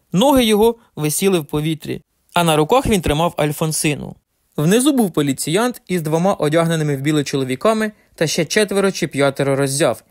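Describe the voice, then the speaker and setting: A male audiobook narrator telling a children's story expressively. His voice is somewhat high, with a lively, animated melody. The recording is close and dry. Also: no echo.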